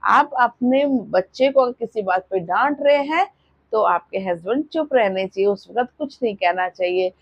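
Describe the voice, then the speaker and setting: A woman's voice: medium pitch, lively intonation, normal speed, no room sound, highs cut off. A woman preschool teacher with an Indian English accent, giving earnest advice to parents and often asking "right?" to check they follow. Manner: sing-song greetings, then earnest advice with tag questions. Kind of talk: warm advice to parents and kids.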